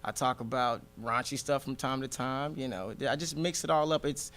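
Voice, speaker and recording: Laughing gravelly-voiced male comedian. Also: medium pitch, moderate pace, fairly bright tone. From Nigeria. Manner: easygoing, laughs often between lines. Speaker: interviewee, stand-up comedian. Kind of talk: casual interview conversation.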